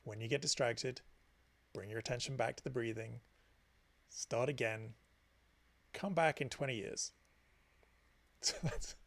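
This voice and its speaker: A man's voice: medium pitch, creaky. A man teaching a meditation class, explaining ideas in a chatty storytelling way with self-deprecating asides. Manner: gives friendly explanations with frequent restarts. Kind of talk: informal class talk.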